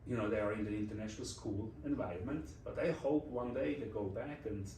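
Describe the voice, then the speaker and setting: A Swiss design executive in his forties, a guest in a casual interview, reflects in English, his second language, with a Swiss German accent, non-native phrasing, and restarts. His fairly low, mellow voice moves fairly quickly and is picked up off-mic from a distance, with roomy echo and slight background noise.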